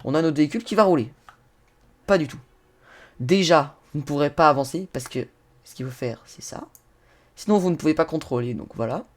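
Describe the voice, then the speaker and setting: A gaming YouTuber with a slightly high, animated voice talks a little fast, pausing often. His casual tutorial commentary is aimed straight at his viewers, and he laughs and curses whenever he messes up.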